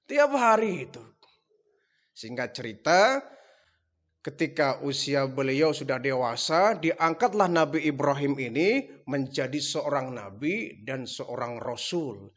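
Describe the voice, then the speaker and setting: A male Islamic preacher telling a prophet's story in a lively, casual sermon with colloquial asides. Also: medium pitch, a little slow.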